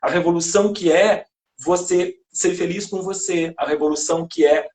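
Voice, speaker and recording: A high-voiced Brazilian man talks on a live stream from a phone or call mic. He is an educator who speaks with passion and rhetorical flair, often asking a question and answering it himself. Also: steady tone, normal speed, darkish tone. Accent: Brazilian Portuguese. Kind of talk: casual live-stream talk. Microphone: phone or video-call mic.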